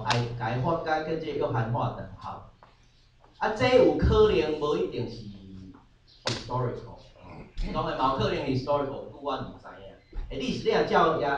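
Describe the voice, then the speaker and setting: A man's voice: mid-range voice, lo-fi sound. Man teaching a Bible class in an echoey room. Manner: sprinkles English terms into his talk, frequent filler particles. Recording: very echoey room, voice from far off, faint background hum.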